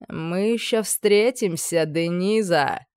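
A reader voicing a cruel older male high judge who toys with his captive and speaks in slow, low, purring threats. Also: fairly even intonation, a little mellow, no room sound, studio quality, natural voice. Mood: cold.

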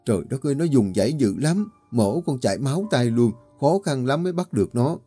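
Young male villager, jumpy, raised quick voice, played by a man narrator. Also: medium pitch, animated, mellow, breathy edge, faint music behind, pitched above the performer's own voice. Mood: breathless. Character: jittery young village man, eager and easily panicked.

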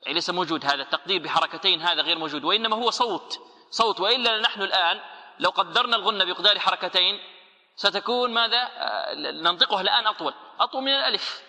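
A man teaching tajweed, posing rhetorical questions and answering them himself, and slowing into chanted recitation for examples. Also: high voice, bright, forceful tone, in a large hall. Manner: explains by asking rhetorical questions, then answering.

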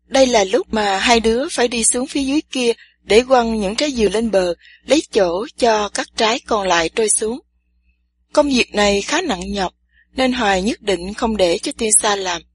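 Husky woman narrator. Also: fairly high pitch, moderate pace. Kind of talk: storybook narration.

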